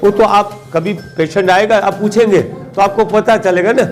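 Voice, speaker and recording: A man's voice: sits high, normal speed, soft background music. A middle-aged man from Gujarat, answering questions at a press conference in a humble, devout way. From Gujarat, India. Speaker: charitable trust representative.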